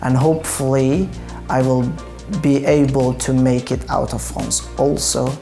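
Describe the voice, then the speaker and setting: A young man from Afghanistan, speaking earnest, reflective, halting second-language English as a yoga teacher in a documentary interview. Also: medium pitch, little pitch movement, creaky, dark tone, faint music behind. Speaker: yoga teacher and project founder.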